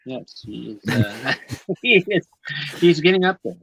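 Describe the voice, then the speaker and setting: A man hosting a casual online chat, animated and quick to laugh. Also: mid-range voice, vocal fry. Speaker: host. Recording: dull lo-fi call audio.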